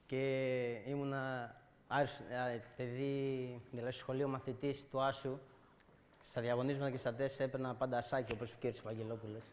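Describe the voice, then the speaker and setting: A man's voice: medium pitch, flat delivery. A young man from a church congregation, earnestly telling a personal testimony and retelling conversations step by step. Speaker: church member giving testimony. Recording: long hall reverb.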